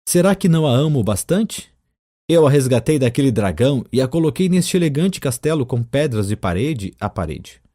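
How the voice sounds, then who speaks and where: A man's voice: mid-range voice, big pitch swings, normal speed, warm tone. A man reading an audiobook, voicing a vain, self-absorbed knight who answers insistently and defensively.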